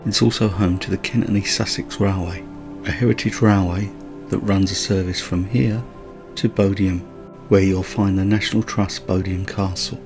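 Over background music, a male travel vlogger delivers scripted voice-over narration of a drive through the countryside, sprinkled with casual, chatty remarks. He speaks at a normal speed in a low voice with fairly even intonation.

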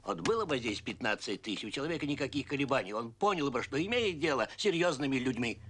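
A smug, sly accomplice who stays unbothered. His voice swoops up and down with lively pitch as he teases and chuckles, and the manner stays smooth throughout. It is 1970s film drama acting. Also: quick pace. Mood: persuasive. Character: sly mocking male partner in crime, easygoing and smug.

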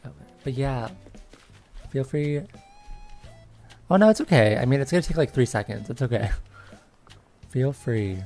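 A woman's voice: rumbling low, lively intonation, measured pace, long pauses, mellow, faint music behind. A woman in her twenties chatting casually on a livestream while playing a game, bubbly and giggly with lots of little cheers. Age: 20s. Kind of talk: casual gameplay chat.

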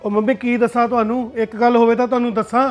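A man's voice: very high voice, flat delivery, racing, soft background music. A man with a Punjabi accent playing an angry grown son, talking in a heated, agitated rush about being cheated by his brother. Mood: furious. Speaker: actor in a family web drama.

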